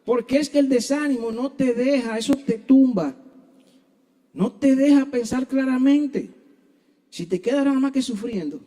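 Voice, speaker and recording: A man's voice: extremely high pitch, moderate pace, dark tone. A man preaching a sermon in church, earnestly addressing his listeners as brothers.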